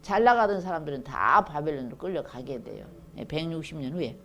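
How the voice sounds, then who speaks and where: A middle-aged woman lecturing on scripture in a relaxed, conversational way. Her low voice rises and falls a great deal as she reads passages aloud with strong emphasis. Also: a little fast. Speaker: seminary lecturer. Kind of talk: bible lecture.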